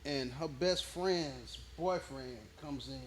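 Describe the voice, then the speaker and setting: A man, a rapper telling stories in a relaxed, slang-heavy interview, often checking in with the listener. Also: mid-range voice, slow, a little hiss or hum. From born in Nigeria, raised in Houston, Texas. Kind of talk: casual interview storytelling.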